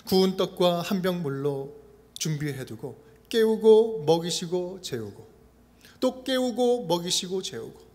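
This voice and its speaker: High-voiced male pastor preaching. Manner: expressive, acts out quotes, repetitive rhythmic phrasing. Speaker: senior pastor. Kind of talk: sermon. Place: church sanctuary. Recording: reverberant church livestream.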